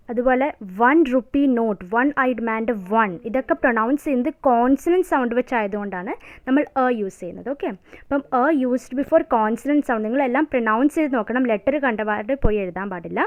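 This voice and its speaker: A woman with a Malayali accent teaching English grammar, who asks her students questions and answers them herself and reads the English examples slowly. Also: a little high. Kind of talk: lesson explaining grammar to students. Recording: narrow phone-like sound.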